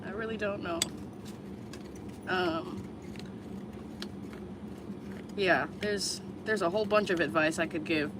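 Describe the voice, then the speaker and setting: Answering viewers live on a casual stream, this Chicago-area vlogger in her thirties is blunt, candid and swears freely. She speaks slowly in a lowish voice, leaving long pauses, over some background noise.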